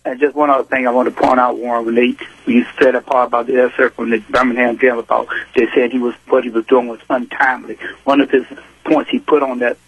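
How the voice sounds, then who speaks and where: Husky guy calling into a radio show, fervent and preachy, dry sound. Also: medium pitch, no echo, rough recording. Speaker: caller. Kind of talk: call-in radio talk.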